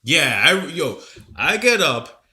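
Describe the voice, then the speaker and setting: A man with a cold co-hosts a casual podcast, spinning a profane, rambling story. His voice is bright and ringing. His pitch jumps around a lot as he talks. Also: sing-song, slow pace. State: sick with a cold. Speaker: podcast co-host.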